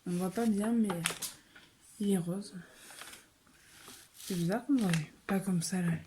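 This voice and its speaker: A woman vlogger chatting casually through a beauty haul, soft-spoken and often slipping into a whisper. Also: medium pitch, takes it slowly, noisy background. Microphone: phone.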